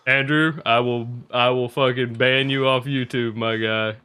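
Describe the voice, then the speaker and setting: A man's voice: medium pitch, fairly even intonation, unhurried, sharp tone, clear, resonant tone. A young man streaming a game, chatting casually with viewers in a rambling, profane way and laughing often.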